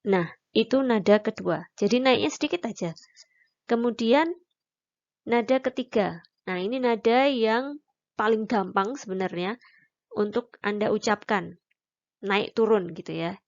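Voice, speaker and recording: A woman gives a recorded lesson in a slow, unhurried voice. She explains each point patiently and sounds out syllables one by one. The recording is a little dull and lo-fi. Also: medium pitch. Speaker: Mandarin teacher.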